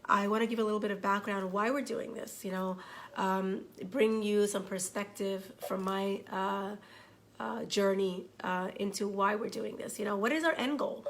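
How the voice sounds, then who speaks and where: A hoarse woman with a cold, a divorce coach talking live to viewers, greeting them by name and speaking with many fillers. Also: medium pitch, a little hiss or hum. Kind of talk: live-streamed coaching talk.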